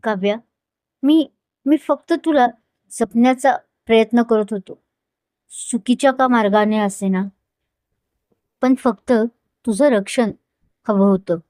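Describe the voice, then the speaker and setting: A woman's voice: fairly high pitch, a little slow, long pauses, darkish tone, no echo, natural voice. Possessive young man, as a woman reads him. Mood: weak, pleading. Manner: commanding, intense. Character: possessive, hot-tempered young man, the male lead.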